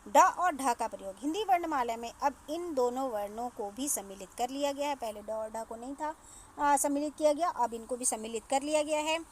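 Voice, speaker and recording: A woman teacher explaining a grammar lesson to children, slowly spelling out sounds and repeating words. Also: high voice, slight background noise. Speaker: school teacher. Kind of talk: classroom lesson.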